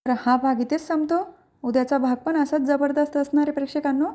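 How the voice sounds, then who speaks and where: A woman narrating an episode recap of a TV family serial, retelling it lively and voicing the characters' quoted lines. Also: high-pitched, a little fast.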